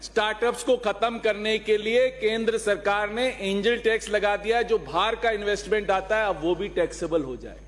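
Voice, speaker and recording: High-voiced man giving an assembly speech. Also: normal speed, hardly any pauses, fairly bright tone. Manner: argumentative, rhetorical questions, mixes in English phrases. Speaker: legislator. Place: legislative assembly hall. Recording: long reverb of a large hall.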